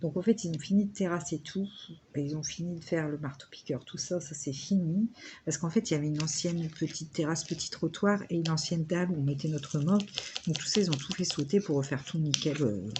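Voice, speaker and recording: A woman's voice: low voice, a little fast, darkish tone, slight background noise. A woman in her thirties chatting casually and rambling with lots of fillers while she crafts at home. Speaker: vlogger.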